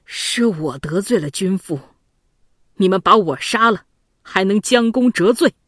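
A woman's voice: mid-range voice, lively intonation, a little slow, fairly bright tone, breathy edge, dry recording, studio quality. A woman voicing a loyal young prince, an elder brother who pleads and cries out in grief, in a storybook reading. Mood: urgent.

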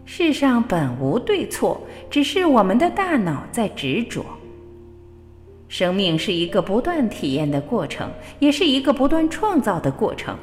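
A woman radio host giving a measured, expressive spiritual reading with storytelling. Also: mid-range voice. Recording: long reverb with faint background music. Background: faint music.

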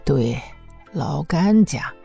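A gossipy old village grandmother, put on by a male narrator in an audiobook, drawling her words out at a slow, unhurried pace. Her voice is creaky and husky, pitched up high from his own, with a dark, mellow tone. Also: animated, faint music behind, heavily acted. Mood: chatty. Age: over 60. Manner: drawn-out, gossipy, matter-of-fact. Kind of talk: audiobook character voice.

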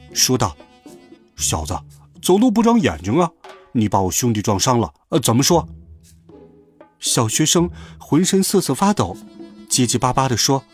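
A man narrates a children's story in a scripted, expressive way. His voice moves up and down constantly as he brings scenes to life. Its pitch sits in the middle.

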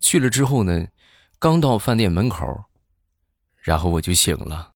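Deep-voiced man telling comic stories. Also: very animated, background noise. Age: adult, married. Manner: chatty, drawn-out filler particles, acts out voices. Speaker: comedian. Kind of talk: comic storytelling monologue.

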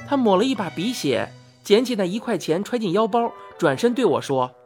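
A woman's voice: mid-range voice, brisk. A woman telling a story in the first person, reading expressively and acting out the dialogue. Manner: lively, acts out the quoted lines. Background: faint music.

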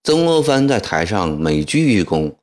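A man narrating a historical novel as an audiobook, in a measured, expressive storytelling manner. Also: fairly low pitch.

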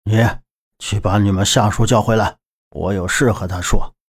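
A man's voice: lowish voice, a little fast, a little mellow, lightly acted. A man voicing an aloof young man who talks in a cold, detached way.

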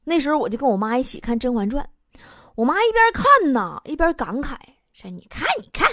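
A woman's voice: high-pitched, sing-song, a little fast, a bit bright, no room sound, clean studio sound. A young woman hosting a comic storytelling monologue in a wry, self-mocking, chatty way. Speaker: host.

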